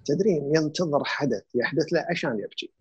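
Fast-talking husky man with a Gulf Arabic accent. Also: on the high side, dry recording, highs cut off. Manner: calm, explanatory, mixes in English words. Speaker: guest speaker on grief and emotions. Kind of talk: reflective conversational explanation.

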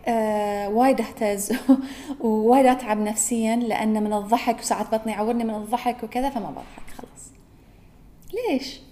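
A woman's voice: fairly high pitch, warm tone. A woman with a Gulf Arabic accent hosting a podcast, talking in an earnest, musing solo monologue and correcting herself as she goes. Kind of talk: reflective solo talk.

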